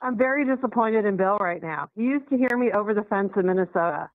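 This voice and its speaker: A woman's voice: medium pitch, animated, fast, no room sound. A woman calling in to a talk show, chatting casually and teasing, her phone line breaking up. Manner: teasing, playful. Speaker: caller. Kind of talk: casual call-in chat. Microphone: telephone.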